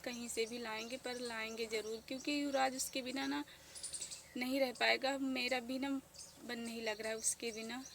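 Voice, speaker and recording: A woman in her thirties speaking softly with grief as she tells a casual village vlog story outdoors. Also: fairly high pitch, steady tone, normal speed, creaky. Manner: grieving, soft-spoken. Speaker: village vlogger. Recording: noisy outdoor village ambience.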